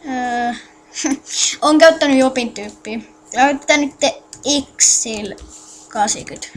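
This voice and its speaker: A woman's voice: high-pitched, slight background noise. A woman giving a casual screen-recorded game tutorial, addressing viewers with instructions while muttering to herself as she clicks around. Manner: mutters to self while clicking, halting and distracted. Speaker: tutorial maker.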